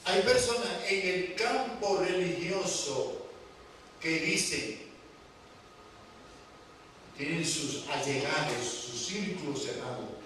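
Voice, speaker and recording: A male preacher delivering a sermon, slow and emphatic, asking the congregation rhetorical questions. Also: on the high side, animated. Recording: echoey hall, mic from far off, faint background noise.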